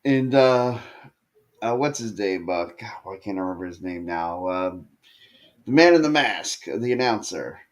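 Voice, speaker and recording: A man's voice: on the low side, unhurried. A man co-hosting a casual wrestling podcast, retelling matches with lots of fillers and restarts. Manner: animated storytelling with frequent fillers and restarts. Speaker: podcast co-host.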